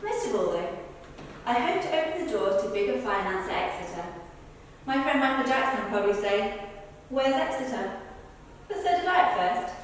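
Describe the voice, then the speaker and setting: A woman with a fairly high, very animated voice rehearses verbatim theatre monologues at normal speed, pausing often. She earnestly tells people's stories about a football club's celebrity visit. The recording comes from a large reverberant hall with a distant mic and faint noise.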